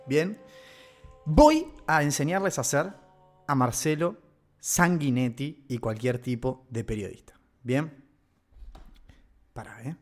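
A man's voice: medium pitch, animated, slow, long pauses. A man with a Rioplatense Argentine accent giving a rambling, joking live-stream monologue, often interrupting himself with slang. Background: faint background music.

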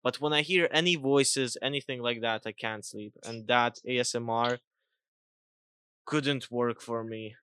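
A man's voice: medium pitch, measured pace, sharp tone, clear, resonant tone, no echo. A young man co-hosting a casual chat, talking loosely with plenty of "like" fillers. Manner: chatty, lots of "like" fillers and restarts. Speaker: podcast co-host.

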